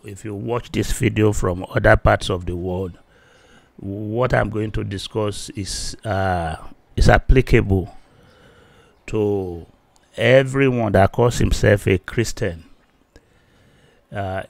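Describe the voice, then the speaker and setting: A man in his fifties with a Nigerian Yoruba accent gives a solo teaching video from a small indoor room, his fairly low, creaky voice captured by a close desk mic with no room sound. He speaks slowly, stumbling through many fillers, and grows louder and more forceful.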